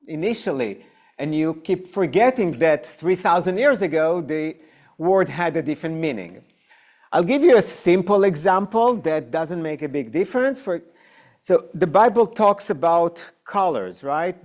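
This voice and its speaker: A rabbi with an Israeli accent, a native Hebrew speaker, teaches an informal adult-education Bible class in a synagogue classroom. He explains unhurriedly by putting questions to his students, in a fairly high, slightly mellow voice.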